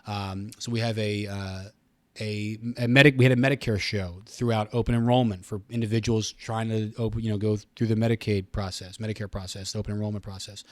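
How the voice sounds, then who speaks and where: Brisk and steady, this lowish male voice comes through a dry recording. He's a middle-aged Pennsylvanian with an American accent, working as a radio station communications director, who guests on a podcast and explains earnestly in a casual interview, frequently backtracking over his own phrasing.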